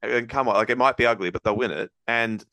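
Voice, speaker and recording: A man hosting a casual sports podcast, breaking down games in a rapid, rambling analytical way with many restarts. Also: mid-range voice, gravelly, bright, forceful tone, no echo. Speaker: podcast host.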